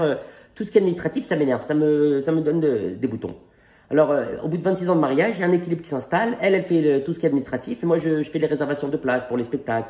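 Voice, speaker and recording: Middle-aged male comedian, rapid-fire animated storytelling, slightly high voice. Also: roomy sound. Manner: animated, acts out phone calls in quick back-and-forth. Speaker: stand-up comedian. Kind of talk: stand-up storytelling. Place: stage.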